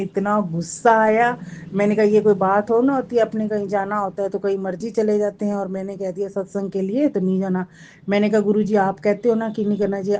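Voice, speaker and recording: A woman's voice: mid-range voice, warm tone, slight background noise. A married woman earnestly tells a personal devotional story to a congregation, often quoting what she said to others. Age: adult, married with children. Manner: earnest storytelling, often quotes her own past words. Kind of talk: spoken devotional testimony.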